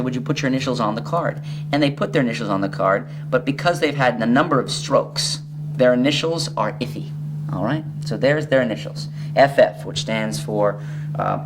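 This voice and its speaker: A man talking in card magician patter, explaining a trick step by step in a conversational way as he demonstrates it. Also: medium pitch. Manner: conversational, demonstrating as he talks, broken-off phrases. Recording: clearly noisy, humming background.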